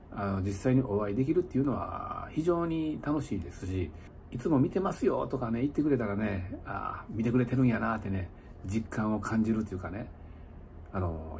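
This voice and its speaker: Middle-aged kansai guy, kinda tipsy, lowish voice, rambly vlog chat in a noisy little room. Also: a little mellow. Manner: rambling, chuckling, conversational asides. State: slightly tipsy after an hour of drinking. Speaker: motorcycle touring vlogger. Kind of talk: casual livestream-style chat to viewers. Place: small indoor lodging room. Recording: noticeable background room noise.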